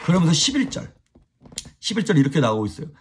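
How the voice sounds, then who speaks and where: A man giving a casual devotional sermon as a pastor, animated, chuckling and speaking straight to his viewers. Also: a little high, fast talker, slight background noise.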